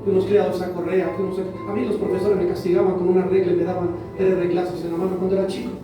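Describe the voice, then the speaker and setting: A man's voice: high voice, flat delivery, fast, music in the background. A man preaching a sermon to his congregation, repeating phrases for emphasis. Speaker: pastor. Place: church hall. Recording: very echoey church hall, voice from a distance.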